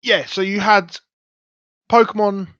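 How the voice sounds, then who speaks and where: A man's voice: sits high, flat delivery, unhurried, fairly bright tone, clean tone, dry recording. A young man hosting a podcast, talking casually and enthusiastically, rambling a bit. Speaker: podcast host. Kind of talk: casual chat. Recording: dull, lo-fi dry sound.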